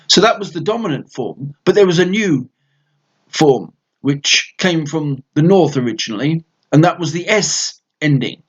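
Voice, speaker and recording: A man giving an explanatory lecture in a measured manner, pausing between short phrases. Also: mid-range voice, muffled recording. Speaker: lecturer explaining dialect history.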